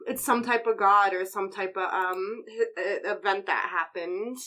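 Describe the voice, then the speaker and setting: A woman's voice: medium pitch, fairly even intonation, moderate pace, pushed and bright. A woman co-hosting a podcast, rambling casually with hesitant fillers. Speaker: podcast co-host. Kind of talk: casual chat.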